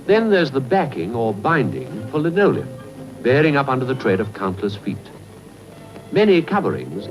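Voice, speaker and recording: A man giving scripted narration on a late 1940s newsreel soundtrack, in a lively announcing delivery. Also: medium pitch, rough recording. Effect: old newsreel soundtrack.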